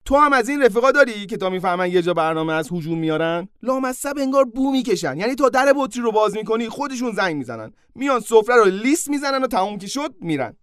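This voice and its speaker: A man's voice: high voice, very animated, hardly any pauses, a bit bright, clear, resonant tone, dry recording, clean studio sound. A man hosting a podcast, telling comic stories in a casual way with joking asides to the listener. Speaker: podcast host and storyteller. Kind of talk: comic storytelling narration.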